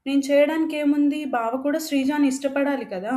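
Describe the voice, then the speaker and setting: A woman's voice: sits high, brisk, dark tone, voice pushed up, natural voice. A woman voicing a frightened young woman who pleads earnestly. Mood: pleading.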